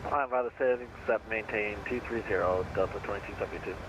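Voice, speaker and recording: A man speaking as an airline pilot over a cockpit headset radio, reading back clearances in quick, clipped phrases. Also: fairly low pitch. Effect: cockpit headset radio transmission. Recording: muffled radio with hiss.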